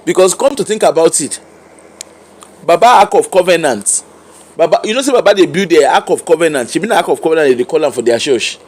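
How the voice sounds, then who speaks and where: High-pitched Nigerian man speaking Pidgin. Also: expressive, fast talker. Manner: questioning, challenging, with repeated rhetorical questions. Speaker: commentator. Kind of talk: informal opinion commentary.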